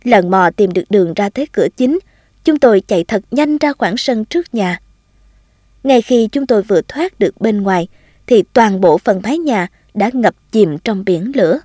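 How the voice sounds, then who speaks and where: A woman narrating a first-person story in a calm, expressive reading. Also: mid-range voice, normal speed, no echo, studio quality.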